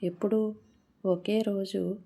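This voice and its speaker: Slow, dark-voiced woman storyteller. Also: medium pitch, little pitch movement, creaky. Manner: slow, measured storytelling with small slips. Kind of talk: narrating a moral story.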